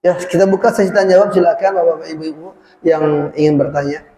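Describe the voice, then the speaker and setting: A man preaching an Islamic sermon to a congregation in a prayer hall, speaking Indonesian with an Indonesian accent and lively outbursts and Arabic phrases. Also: fairly high pitch, fast. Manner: lively, rising to exclamations, quoting Arabic phrases. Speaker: ustadz preacher. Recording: echoey hall, roomy reverb.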